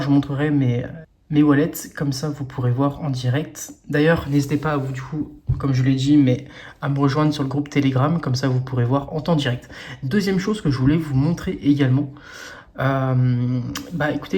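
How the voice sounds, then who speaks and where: A man's voice: mid-range voice, a little mellow. A man hosting a crypto investing video, talking casually through a screen-share walkthrough, full of fillers and speaking straight to his viewers.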